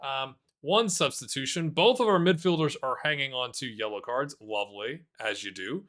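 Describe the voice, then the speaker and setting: A gaming YouTuber casually commentates his own football manager game at medium pitch and normal speed. Chatty and self-deprecating, he mutters asides, then erupts with excitement at the big moments.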